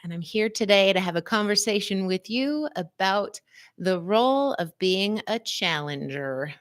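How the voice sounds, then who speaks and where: A woman hosting a live wellness stream, talking straight to her viewers with playful wordplay and a sing-song, chatty manner. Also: medium pitch.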